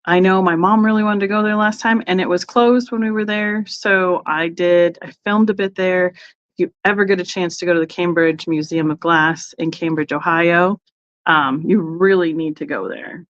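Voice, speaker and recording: A woman's voice: fairly low pitch, fairly even intonation, moderate pace, lo-fi sound. Chatty woman hosting a live sale. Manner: rambling, chatty, greets viewers by name. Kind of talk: casual live-stream chat.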